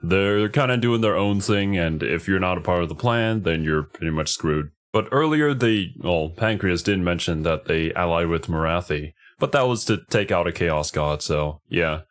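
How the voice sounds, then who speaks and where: A man's voice: deep voice, expressive, moderate pace, hardly any pauses. A man streaming casual reaction commentary, thinking aloud a little hesitantly as he goes.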